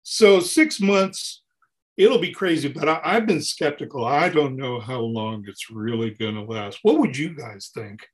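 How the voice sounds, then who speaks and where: At a measured pace and with a mid-range voice, this keyboardist in his sixties gives an animated, casual interview about life on tour. He speaks in long runs and often goes back to restart what he's saying.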